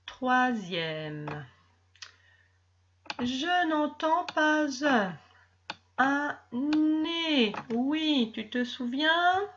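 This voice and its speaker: A woman teacher reads syllables and words aloud to young children, slowly and clearly, with patient explanations. Her pace is very slow. The recording is slightly muffled, with a faint hiss behind her. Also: a little high. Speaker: first-grade teacher.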